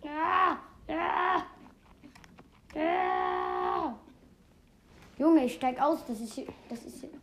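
Woman playing a video game, high voice, excitable running commentary, faint background hiss. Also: drawn-out words, pauses often. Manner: excitable, keeps exclaiming "Junge"; rambling with restarts and fun facts. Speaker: let's play host. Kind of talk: casual gaming commentary.

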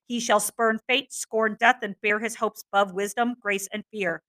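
A woman's voice: medium pitch, steady tone, moderate pace, bright, forceful tone, natural voice. A woman reading the lines of an angry goddess of witchcraft scolding her witches, in a plain reading voice.

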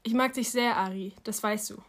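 A woman reading an audiobook, voicing a gentle, protective mother who is also a teacher, speaking softly and patiently. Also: mid-range voice, steady tone, normal speed, natural voice. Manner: soft, patient.

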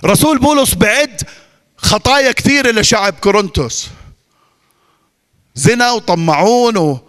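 A man's voice: very high voice, a bit bright. A male pastor with a Levantine Arabic accent, preaching emphatically and repeating his points with rhetorical questions. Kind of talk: sermon. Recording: long reverb of a large hall.

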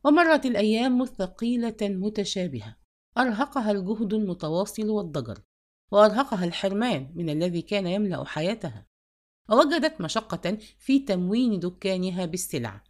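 A woman narrating a novel as an audiobook, measured and expressive. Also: medium pitch.

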